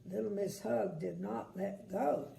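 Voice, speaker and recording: A sweet, gentle older woman reads a storybook aloud to small children, unhurried, with little asides, in an echoey room. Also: mid-range voice, vocal fry. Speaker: grandmother reading bedtime stories. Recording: echoey room, faint background noise.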